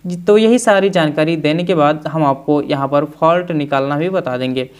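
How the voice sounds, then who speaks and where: A man's voice: on the high side, moderate pace. A man, a repair instructor, explaining a tutorial step by step in speech, with fillers and repeated phrases.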